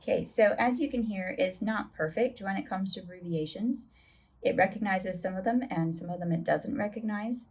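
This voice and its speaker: A woman hosting a screen-recorded tutorial, explaining an app step by step in a relaxed, chatty way. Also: medium pitch, normal speed, slightly rough. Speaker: tutorial host.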